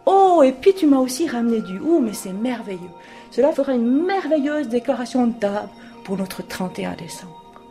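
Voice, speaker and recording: A woman playing a sharp, scolding stepmother. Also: on the high side, lively intonation, moderate pace, faint music behind. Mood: delighted. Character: harsh stepmother, cold but later remorseful.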